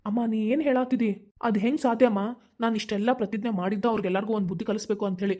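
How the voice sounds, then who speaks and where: A woman's voice: medium pitch, steady tone, mellow, natural voice. A woman voicing an earnest, determined young man in a cartoon, with a North Karnataka Kannada accent. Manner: pleading, determined, talks fast. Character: earnest young man, devoted son and brother. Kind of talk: cartoon voice acting.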